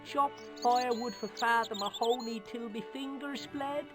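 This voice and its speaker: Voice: medium pitch, moderate pace, over music, lightly acted. An actor voicing a cheeky, scrappy Irish street boy in a video game, boastful and tough-talking, with an Irish accent. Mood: theatrical. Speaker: game character.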